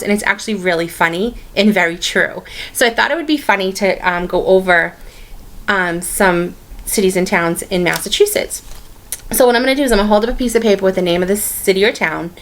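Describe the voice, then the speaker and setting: A woman's voice: mid-range voice, a bit bright. A woman with a Boston-area accent, chatting casually in her stitching vlog and rambling with plenty of ums and restarts. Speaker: stitching vlogger. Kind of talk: casual hobby vlog chat.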